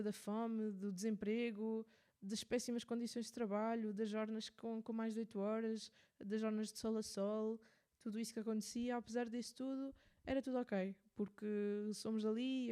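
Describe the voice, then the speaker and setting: A woman's voice: a little high, warm tone, clean tone. A woman with a European Portuguese accent hosting a radio show, explaining a subject in a casual, thinking-aloud way with fillers and restarts. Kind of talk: casual spoken commentary.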